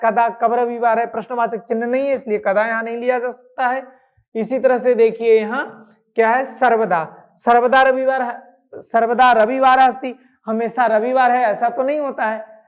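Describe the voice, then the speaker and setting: Guy teaching sanskrit to kids, goes step by step, asks then answers his own questions. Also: very high-pitched. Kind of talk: classroom lesson explanation. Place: school.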